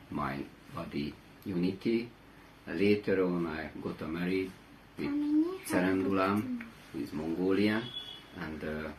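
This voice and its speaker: A man with a Hungarian accent gives a personal testimony in a deep voice. He speaks slowly in halting, non-native English, with some faint noise behind him. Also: rough recording. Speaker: guest speaker.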